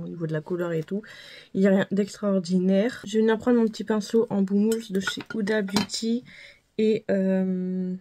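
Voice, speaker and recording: A woman talks through a makeup tutorial in a loose, chatty way, piling on fillers and repeating herself. Her voice is mellow and warm, sitting at an ordinary middle pitch. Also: no room sound. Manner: chatty, self-deprecating, many fillers and repeated words. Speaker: beauty vlogger. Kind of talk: casual makeup tutorial narration.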